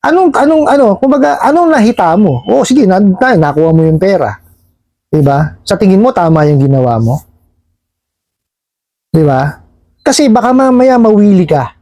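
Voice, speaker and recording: A man with a high, mellow voice explains things plainly to his viewers, stopping again and again to check that they are following. He speaks politely, in the tone of a lending company representative. The sound is close and dry. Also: very animated, moderate pace, pauses often, no room sound. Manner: keeps asking "di ba?" and "no?", polite "ho" and "po". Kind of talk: casual explanatory talk to viewers.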